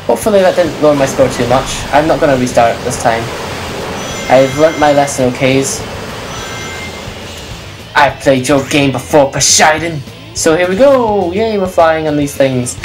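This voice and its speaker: A woman's voice: low voice, rough recording. A woman casually commenting on a video game, rambling and correcting herself as she goes. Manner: rambling, self-correcting, chatty. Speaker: let's play commentator. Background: faint game music.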